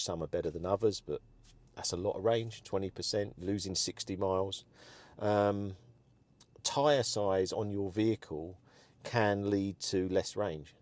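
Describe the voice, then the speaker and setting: A man's voice: low voice, darkish tone. A man vlogging his frank opinions in a chatty, rambling way, with many ums. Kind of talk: casual opinion chat to camera.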